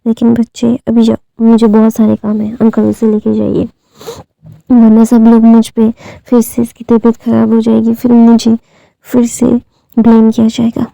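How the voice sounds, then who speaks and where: A woman retelling a fan fiction story casually, voicing the dialogue with pauses and fillers. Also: a little high, monotone, vocal fry, mellow, dry recording.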